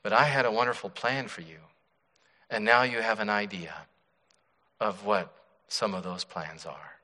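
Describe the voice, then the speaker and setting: A man voicing a patient, kind master potter who speaks calmly and reassuringly. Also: fairly low pitch, long reverb tail. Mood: tender. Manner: calm, slow and reassuring.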